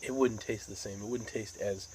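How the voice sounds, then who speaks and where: American male hobby vlogger, lowish voice, unhurried rambling chat, crickets and outdoor noise behind. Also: fairly even intonation, a little mellow, poor audio. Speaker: pipe tobacco vlogger. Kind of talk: casual rambling monologue.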